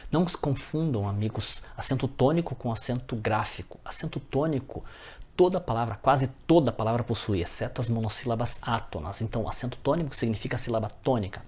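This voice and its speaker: A man's voice: mid-range voice, a little mellow, husky. A man teaching a grammar lesson, often checking in with his viewers as friends.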